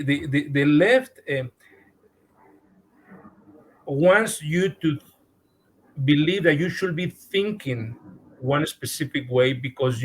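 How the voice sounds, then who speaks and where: A man with a Mexican accent, a guest on a podcast, speaking earnestly and haltingly, often repeating words as he restarts. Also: medium pitch. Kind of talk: podcast interview.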